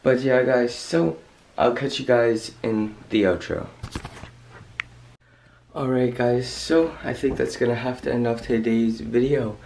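A man's voice: medium pitch, a little slow, vocal fry, a little mellow, slight background noise. A young man chats casually to his vlog camera, rambling and hesitant with lots of "like", sounding slightly under the weather with a cold. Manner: rambling, hesitant, peppers talk with "like". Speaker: vlogger. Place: small bedroom at home, indoors. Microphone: handheld camera at arm's length.

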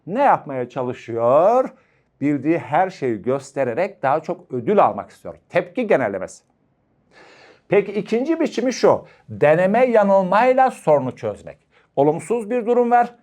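A man's voice: on the high side, big pitch swings, normal speed, darkish tone. A man teaching an exam-prep lecture, asking and answering his own questions with jokey asides.

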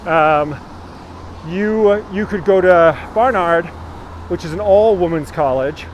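With a voice that sits high and an unhurried way of talking, a tour guide in his thirties walks a city street while live-streaming. He greets viewers by name, holding the phone at arm's length, and the rough recording catches passing traffic.

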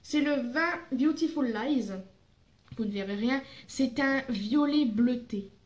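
A woman's voice: high voice, slow, darkish tone, roomy sound. A young woman from France chatting in a casual haul vlog, rambling with fillers and self-corrections. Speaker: beauty vlogger.

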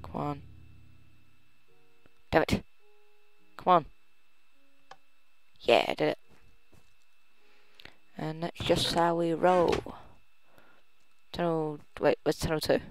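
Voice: mid-range voice, level tone, takes it slowly, pauses often, soft background music. A gamer giving casual commentary while playing, rambling and thinking aloud, often trailing off mid-sentence. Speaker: let's play gamer.

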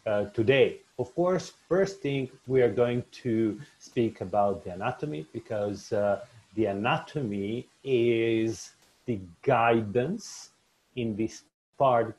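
Serbian accented guy in his 40s doing a webinar on a webcam from a home office, slow and halting, lots of uhs. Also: medium pitch, a little mellow. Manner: unhurried, with many filler sounds and restarts. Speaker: doctor giving a webinar lecture. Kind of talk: online lecture to colleagues. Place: small home office with shelves. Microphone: video call, webcam.

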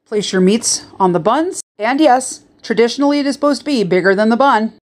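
Older woman, retired chef, friendly step-by-step cooking vlog voice, slightly high, phone mic in a home kitchen. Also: expressive, fairly quick, darkish tone. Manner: chatty, upbeat, step-by-step explaining. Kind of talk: casual cooking tutorial. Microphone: phone held at arm's length.

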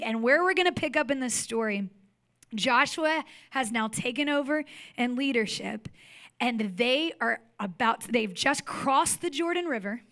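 A woman's voice: a little high, a bit bright. A woman pastor preaching a sermon in a church, telling a story expressively and acting out the scenes. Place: church sanctuary.

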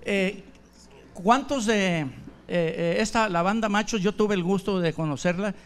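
A man's voice: sits high, unhurried, clean tone. A man hosting a talk show, chatting loosely and teasing his guests on stage. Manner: joking, teasing, loose and crude. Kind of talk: casual on-stage banter. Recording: echoey hall, voice from far off.

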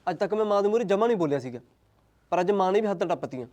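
A man's voice: high voice, lively intonation, very fast, darkish tone. A man playing a young husband who argues with his mother, speaking in a Punjabi accent. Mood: calm. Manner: heated, arguing. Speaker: son and husband. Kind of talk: acted family drama.

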